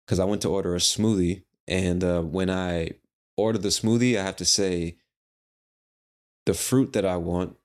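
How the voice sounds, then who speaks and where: A man's voice: deep voice, fairly even intonation, normal speed. A man hosting a casual solo podcast, talking in a rambling, playful way with the odd swear word. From United States. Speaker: podcast host.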